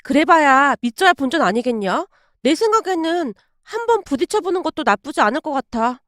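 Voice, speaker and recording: A woman's voice: sits high, big pitch swings, brisk, a bit bright, dry recording, studio quality. A woman voicing a loyal young woman friend who speaks frankly and firmly. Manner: firm, scolding.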